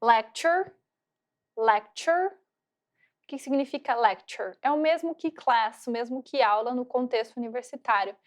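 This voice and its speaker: High-voiced woman teaching English. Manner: slow drawn-out repeated pronunciation drills; frequent check-ins with "tá?" and "ok?". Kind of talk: recorded online lecture.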